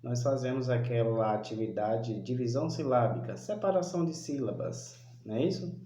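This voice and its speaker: A male primary school teacher giving a remote lesson, talking slowly and deliberately and often asking whether the class understood. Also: medium pitch, dark tone, reverberant. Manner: slow, deliberate, repeats questions to check understanding.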